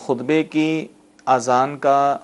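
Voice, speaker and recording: A man serving as the mufti on a religious TV call-in show, who explains rulings patiently and slowly spells out the correct pronunciation. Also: mid-range voice, steady tone. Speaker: mufti answering callers' religious questions.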